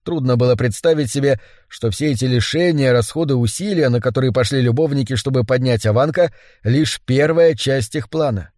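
A man narrating a novel aloud in a steady, measured reading style. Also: medium pitch, no echo, clean studio sound. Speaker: audiobook narrator. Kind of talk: scripted narration.

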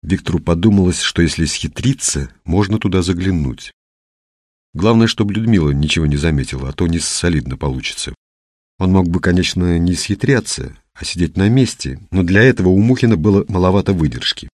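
A man narrating an audiobook in an even, unhurried storytelling manner. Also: low-pitched, dry recording, clean studio sound. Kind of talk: scripted narration.

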